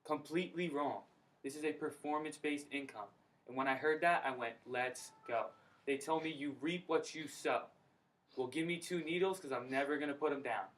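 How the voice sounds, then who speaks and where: A young man giving an energetic, slangy personal testimony at a recruiting meeting in a college room. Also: a little high, fast. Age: young adult. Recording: distant mic, faint background noise.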